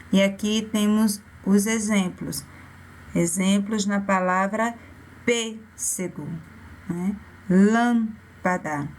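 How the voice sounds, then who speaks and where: A woman with a Brazilian accent teaches a remote class for young children. She speaks slowly and patiently at a middle pitch, sounding out syllables one by one and repeating the key terms so the children remember them. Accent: Brazilian Portuguese. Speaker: primary school teacher.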